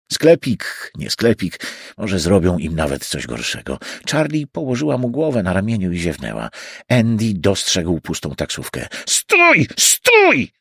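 A man's voice: medium pitch, darkish tone, slightly rough, no echo, studio quality. A man narrating an audiobook in a dramatic, varied reading. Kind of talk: scripted narration.

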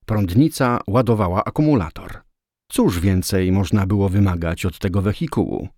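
A man reads an audiobook in a steady, measured way. His voice sits low, and the recording is dry and close, with no room sound. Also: dry recording. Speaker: audiobook narrator. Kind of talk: scripted narration.

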